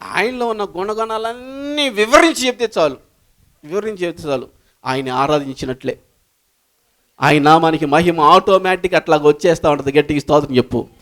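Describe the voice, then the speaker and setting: Man, high voice, pastor, sermon, fervent calls for loud praise. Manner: calls the congregation to shout praise, rising to loud fervent peaks then dropping low.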